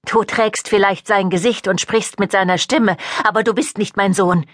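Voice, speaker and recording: A woman voicing a terrified mother who screams at her son and calls him a monster, in a shrill voice. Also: fairly even intonation, moderate pace, no room sound, studio quality, natural voice. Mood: panicked.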